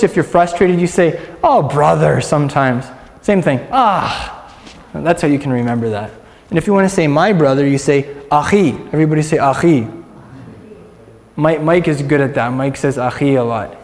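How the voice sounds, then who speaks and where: Speaking fast in a fairly high, darkish voice, a man leads a casual, interactive Bible teaching, chatty and upbeat, getting listeners to repeat words back to him. A long, echoing reverb fills the room around him.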